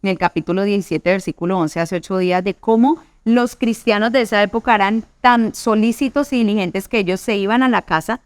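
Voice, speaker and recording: A woman from Colombia preaches to a youth group with earnest conviction. Her voice is smooth and clear, at a middle pitch, and the sound is dry and close. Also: a little fast, few pauses, no room sound. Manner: earnest, acts out quoted church women. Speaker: youth pastor.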